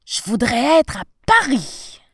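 A woman voicing an excitable, easily delighted male professor in a storybook reading, exclaiming in a high, breathless voice. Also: unhurried, no echo, clean studio sound. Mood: pleased.

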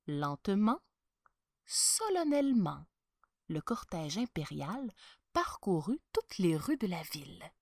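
A woman reading a storybook aloud, slipping into hushed tones with dramatic pauses. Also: medium pitch, dry recording, clean studio sound.

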